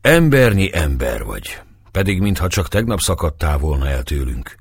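A man voicing a stern old priest in a storybook reading, raised and loud in anger. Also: very deep voice, very animated, vocal fry, slightly rough, no echo, clean studio sound, heavily acted. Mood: astonished. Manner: shouting, indignant.

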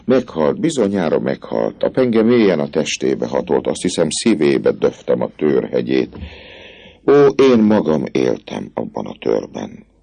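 A man with a deep, gravelly, husky voice reading an audiobook and voicing a tormented, obsessive priest who pleads feverishly. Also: big pitch swings, dark tone, exaggerated voice. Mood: brooding.

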